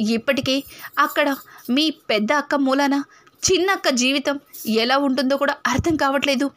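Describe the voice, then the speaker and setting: A woman's voice: high-pitched, fairly bright tone. A woman voicing a worried, tearful middle-aged mother who pleads with her daughter.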